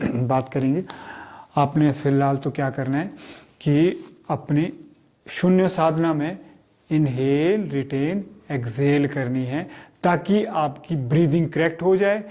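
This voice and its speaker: A man gives a spoken lesson on communication skills at an unhurried pace. His voice sits a little high yet stays dark and mellow. He drags out and repeats key terms, mixing English words into his explanations. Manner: slow, deliberate teaching delivery, drawing out and repeating key words; asks questions and then answers them himself. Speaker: teacher.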